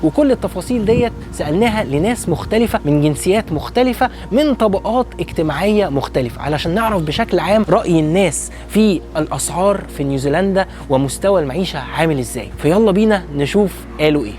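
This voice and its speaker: A man from Egypt with an Egyptian accent, interviewing people on the street and presenting a vlog, quick and eager with many short backchannels. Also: high-pitched, animated, a little mellow. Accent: Egyptian Arabic. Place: outdoors on city streets.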